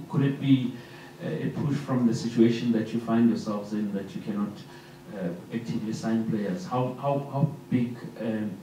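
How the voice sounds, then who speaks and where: A man's voice: medium pitch, mellow, slight background noise. A man, a sports journalist asking a long multi-part question at a press conference. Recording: echoey room, far from mic.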